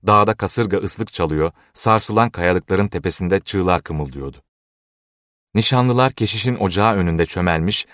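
A man narrating a novel in a measured, even storytelling manner. His voice is very deep. The recording is close and dry, with no room sound. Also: no room sound. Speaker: audiobook narrator. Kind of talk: scripted narration.

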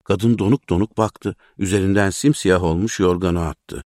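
Deep male narrator, measured literary reading, very dry close sound. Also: darkish tone, no echo. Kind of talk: storybook reading.

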